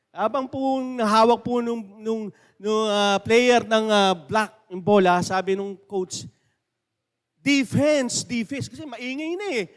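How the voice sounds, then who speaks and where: Male pastor preaching in a church, kind of high voice, big long reverb from the hall, chatty and keeps asking the crowd questions. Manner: conversational preaching, asks the congregation questions. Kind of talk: sermon. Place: church sanctuary.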